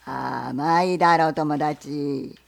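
A woman voicing a big, lonely male bear with a gravelly, booming voice and a bossy manner in a picture-book reading. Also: fairly even intonation, drawn-out words, exaggerated voice. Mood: gruff. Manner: bossy and loud. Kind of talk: picture-book read-aloud.

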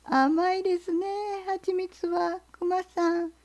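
A woman's voice: very high-pitched, level tone, slow, a little mellow, voice pushed up, heavily acted. A woman voicing a male fox who peddles friendship, calling out in a sing-song vendor's chant in a picture-book reading. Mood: nervous. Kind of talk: picture-book read-aloud.

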